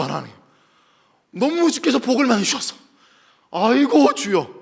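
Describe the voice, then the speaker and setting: A male pastor preaching a sermon in an animated, exclaiming storytelling manner. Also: very high-pitched, in a large hall.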